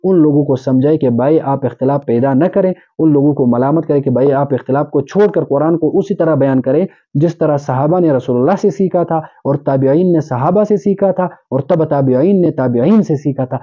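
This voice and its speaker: A man's voice: a little high, dull audio. A man delivering an earnest sermon, exhorting listeners and explaining with everyday examples. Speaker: Islamic preacher. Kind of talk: urdu sermon.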